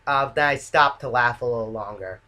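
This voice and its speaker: A man's voice: mid-range voice, brisk, pushed and bright. A man giving casual, unscripted director's commentary as an amateur filmmaker, hesitant and self-deprecating.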